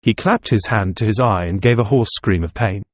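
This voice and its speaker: Brief: male audiobook narrator, measured, low register, dead studio. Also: no room sound. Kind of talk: scripted narration.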